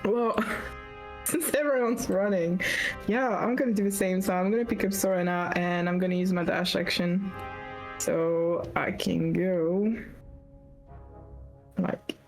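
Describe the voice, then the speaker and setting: A woman's voice: fairly low pitch, steady tone, a little slow, pauses often, darkish tone, soft background music. A woman talking through her turn in a tabletop game, chatty and laughing between lines. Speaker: player. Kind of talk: casual tabletop play.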